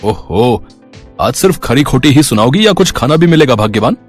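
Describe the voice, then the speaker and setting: A man's voice: medium pitch, expressive, moderate pace, soft background music, lightly acted. A man playing a jovial, teasing father. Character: middle-aged father, easygoing and teasing.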